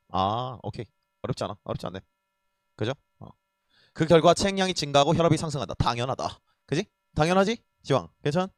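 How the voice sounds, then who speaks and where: A man's voice: fairly high pitch, dry recording. A man teaching a reading lesson in a casual, blunt way, swearing freely and often checking that students are following. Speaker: Korean language tutor. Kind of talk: lecture on reading a passage.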